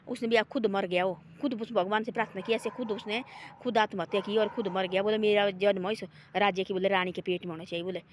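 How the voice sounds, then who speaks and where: A woman telling a moral folk tale in a rambling, folksy way, restarting often and repeating her tags meaning "he said". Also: medium pitch. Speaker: storyteller. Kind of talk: oral moral storytelling.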